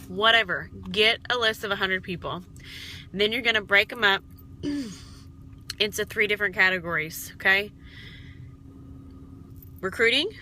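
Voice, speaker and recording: A woman with a very bright, sharp voice gives a chatty sales pep talk, encouraging her team and checking in with "okay?" as she goes. A faint hum sits behind her voice. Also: medium pitch, rough recording. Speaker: direct sales team leader. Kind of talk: casual coaching vlog.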